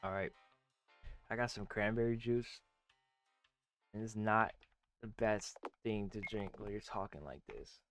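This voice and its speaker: A man giving quiet, rambling commentary while playing a story game, with game music behind. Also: on the low side, a little slow, long pauses, dry recording. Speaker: let's play streamer.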